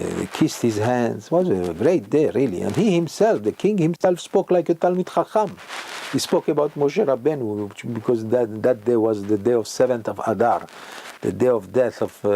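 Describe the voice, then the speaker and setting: An older man preaches a sermon as a rabbi. His voice is mellow and warm, sitting at a middle pitch. He drives his points home with rhetorical questions that leap upward in pitch. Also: creaky, slight background noise, rough recording. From Morocco. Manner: emphatic, rhetorical questions, sudden rises in pitch.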